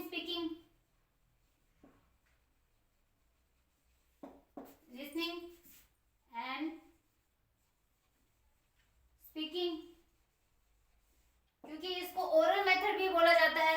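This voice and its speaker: A woman teacher giving an exam-prep lecture, explaining step by step and dictating key points slowly word by word. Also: extremely high pitch, a bit bright. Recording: very echoey room, voice from a distance.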